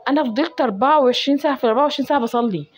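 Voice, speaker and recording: A woman's voice: sits high, racing. A young woman with an Egyptian accent chatting as she cooks in her home kitchen and giving heartfelt advice. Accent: Egyptian Arabic. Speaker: cooking vlogger. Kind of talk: casual chat while cooking.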